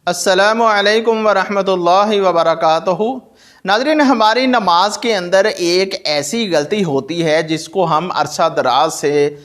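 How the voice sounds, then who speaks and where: A man giving a religious pronunciation lesson, earnest and repetitive, drawing out words slowly when reciting them. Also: high voice, a bit bright. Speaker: Islamic teacher.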